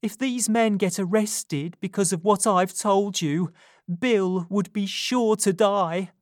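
In a storybook reading, a woman voices a frightened young woman who speaks urgently and pressingly. Her delivery is slow and a little mellow at medium pitch, set slightly above her own natural voice but still close to everyday speech. The sound is clean studio audio with no room sound.

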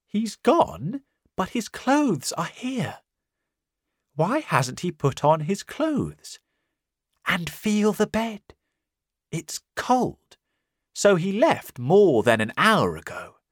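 A reader voicing a worried, sharp-tongued innkeeper's wife who questions her strange guest. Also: mid-range voice, sing-song, extremely slow, long pauses, husky, dry recording, clean studio sound, voice pushed up, heavily acted.

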